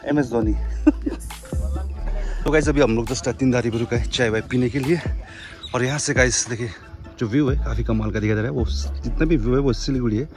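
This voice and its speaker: Here a young adult moto-vlogger narrates his ride at a moderate pace with long pauses, his voice medium-pitched. He keeps addressing viewers in a chatty tour-guide style for this casual travel vlog, shot on helmet and handheld selfie cameras across hill roads and a roadside cafe. Background music and passing vehicles can be heard.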